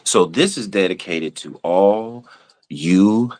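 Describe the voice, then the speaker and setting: A man's voice: deep voice, slow, darkish tone. A man with a Southern US accent, hosting a podcast, rants casually and swears with playful exasperation. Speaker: podcast host. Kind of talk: casual ranting monologue.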